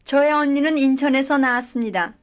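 Captured in dull lo-fi quality, a woman whose voice sits high runs through full drill sentences for language learners. Her delivery is brisk but careful and even throughout.

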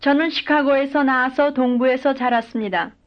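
In a dull, lo-fi recording, a high-pitched woman speaks full example sentences for a language drill at a moderate pace. She gives every sentence a careful, even delivery.

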